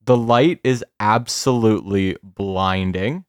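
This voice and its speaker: Deep, smooth-voiced man telling a story. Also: dry recording, studio quality. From Canada. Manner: laughing, swearing storyteller, slows down for suspense. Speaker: podcast host. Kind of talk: casual storytelling chat.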